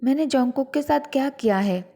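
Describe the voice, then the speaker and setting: A woman voicing a scheming young wife who feigns innocence and pleads softly in her own defense. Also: high voice, a little fast, creaky, voice pushed up. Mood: innocent.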